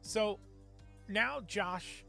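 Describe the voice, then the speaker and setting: A man's voice: high voice, very slow, vocal fry, pushed and bright, faint music behind. Sarcastic man co-hosting a horror podcast. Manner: wry, sarcastic, laughs often. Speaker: podcast co-host. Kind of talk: casual movie review chat.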